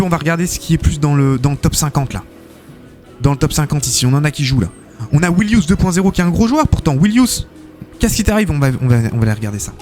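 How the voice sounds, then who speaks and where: Hosting a live gaming stream in a mid-range, slightly mellow voice, this man calls the action in matches and reads out chat messages. His talk is chatty and filler-heavy, and he frequently thanks his viewers.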